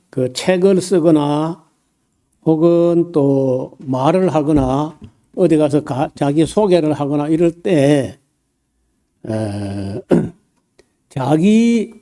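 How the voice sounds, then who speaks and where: A man preaching a sermon as pastor, in a halting, folksy way with many fillers, humorous asides and frequent throat-clearing. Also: on the high side, warm tone.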